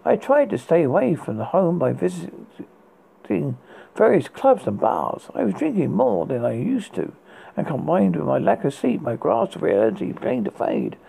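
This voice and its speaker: A horror host reading dark gothic tales in a raspy, gravelly voice, dramatically but haltingly, with stumbles and repeated words. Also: mid-range voice, very animated, rough recording.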